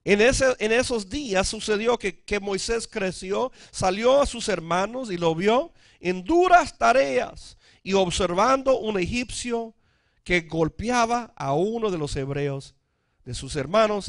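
Pastor guy preaching, high voice, dry close sound, keeps asking for amen. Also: dry recording. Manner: preaching with frequent calls for amen; mixes in English words. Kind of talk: sermon.

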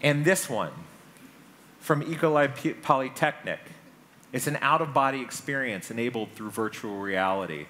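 Speaking at normal speed in a pushed, bright mid-range voice, this American conference speaker in his forties addresses a large indoor stage. Background noise comes through clearly on the stage mic.

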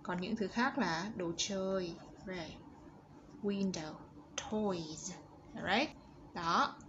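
A woman teaching young children, walking through exercises and modeling English words slowly for them to repeat. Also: medium pitch. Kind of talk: step-by-step exercise walkthrough. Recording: slightly dull audio with faint background noise.

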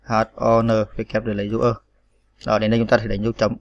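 Man, patient typing tutor, spells each key, flat delivery, muffled lo-fi recording. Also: lowish voice, rapid-fire, creaky. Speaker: computer tutorial instructor. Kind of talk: step-by-step screen tutorial.

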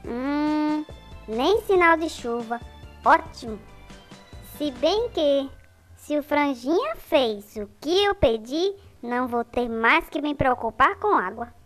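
A woman puts on a carefree comic-strip boy with a cocky, teasing streak. The voice sits very high and is unhurried. Music plays behind it. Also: animated, fairly bright tone, heavily acted. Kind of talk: comic-strip character voicing.

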